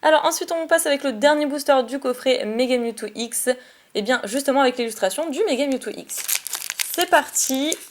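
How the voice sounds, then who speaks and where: A woman chatting excitedly while opening trading card packs, giggly and quick to correct herself. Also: high-pitched, slight background noise. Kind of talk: casual card-opening vlog.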